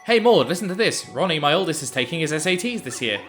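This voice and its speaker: A man's voice: a little high, sing-song, fast, a bit bright, faint music behind. A man voicing a chatty, gossiping housewife crow from a video game.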